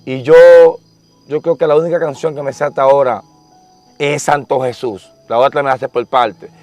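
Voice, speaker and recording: A man's voice: mid-range voice, fairly even intonation, moderate pace, no echo, faint music behind. A young man tells his conversion story in an earnest, repetitive, emotional manner during an interview. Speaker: interviewee giving testimony. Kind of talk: religious testimony, casual storytelling.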